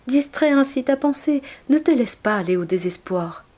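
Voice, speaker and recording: A woman's voice: high-pitched, lively intonation, moderate pace, darkish tone, pitched above the performer's own voice. A woman reading the lines of a male friend who comforts and coaxes. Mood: coaxing.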